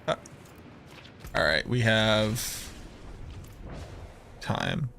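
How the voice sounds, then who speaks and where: A man's voice: on the low side, huge pitch swings, extremely slow, gravelly, pushed and bright, slight background noise. A man with a Boston accent bantering casually on a game stream, teasing, repeating himself insistently and swearing freely. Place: live stream voice chat with game music behind.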